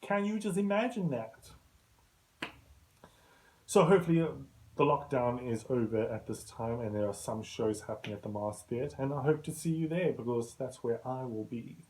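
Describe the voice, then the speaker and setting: A man's voice: medium pitch, brisk, a little mellow, slight background noise, poor audio. A man hosting a casual show, telling rambling backstage stories in a chatty way and often laughing at himself. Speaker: host. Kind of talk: casual anecdotal monologue.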